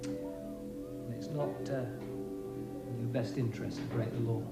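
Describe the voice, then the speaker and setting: An actor playing a middle-aged schoolteacher, strict but joking, with an emphatic, lively delivery in a 1980s TV drama. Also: male voice, mid-range voice, unhurried, natural voice. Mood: stern, teasing. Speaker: schoolteacher briefing his pupils. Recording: roomy TV soundtrack with music behind.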